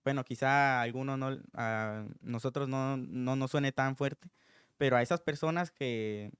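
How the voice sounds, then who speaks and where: A man's voice: medium pitch, unhurried, clean tone, dry recording, clean studio sound. Male preacher, informal sermon, earnest and reflective, resonant voice. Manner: earnest, thinking aloud.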